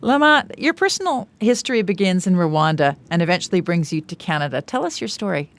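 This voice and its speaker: A woman hosting a morning radio show, introducing and questioning guests in a studio with a polished, clear broadcaster delivery. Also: fairly low pitch, very animated, fairly quick.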